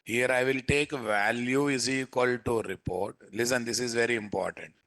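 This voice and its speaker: A man's voice: medium pitch, steady tone, moderate pace, fairly bright tone. A man with a Telugu accent teaching a live programming lesson as an instructor, repeating phrases and often checking with his listeners through questions. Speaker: software instructor.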